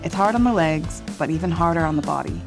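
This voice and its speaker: A woman giving a scripted, measured voice-over for her own travel vlog, in a reflective storytelling manner. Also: low-pitched, music in the background. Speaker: vlog narrator.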